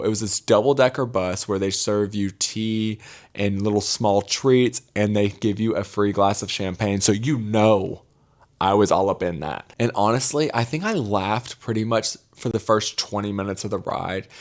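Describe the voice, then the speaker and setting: A young man with a fairly low voice and a Mississippi accent. He talks like a travel vlogger catching up with friends, casual and chatty. His delivery is gossipy and emphatic, full of confiding asides to whoever is watching. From Mississippi, United States. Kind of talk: casual chatty storytime vlog.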